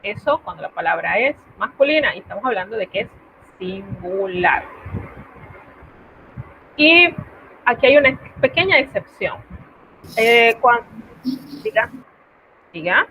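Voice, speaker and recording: A woman's voice: fairly high pitch, animated, measured pace, long pauses. A woman teaching French to her students in an online class, explaining patiently in Spanish and checking in with her students. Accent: Latin American Spanish. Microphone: video call. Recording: tinny phone-like line, faint noise.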